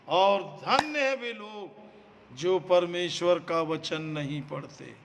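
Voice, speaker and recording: Male preacher, slow emphatic delivery, reverberant hall. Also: high-pitched, fairly bright tone. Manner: emphatic, repeats phrases, addresses listeners as beloved. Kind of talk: sermon.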